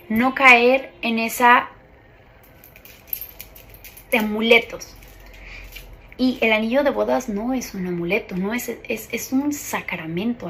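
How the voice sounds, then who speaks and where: Earnest woman with vocal fry. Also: medium pitch, slight background noise, low-quality recording. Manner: earnest, personal, confiding. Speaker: ministry coordinator. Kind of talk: faith testimony talk.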